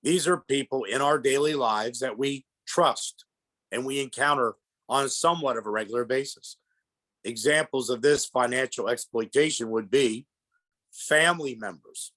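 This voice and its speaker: A congested, middle-aged man from Pennsylvania, suffering a head cold, presents to an audience as a guest speaker on elder fraud. He has a mid-range, slightly bright voice and a moderate pace. His style is plain and explanatory, and he calls the listeners "folks."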